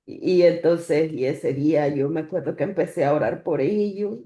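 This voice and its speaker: A woman giving a personal religious testimony in church. She speaks haltingly, stopping and repeating words as she goes. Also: deep voice, dark tone. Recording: echoey church room.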